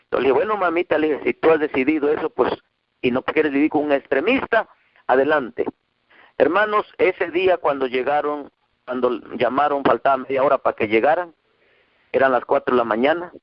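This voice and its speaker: A man's voice: a little fast, dry recording. A man from Mexico preaching a testimony sermon to his congregation, telling his story with emotion and quoting the voices of others. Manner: emotional storytelling, quoting dialogue with rising pitch. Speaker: pastor. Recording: dull muffled dry sound.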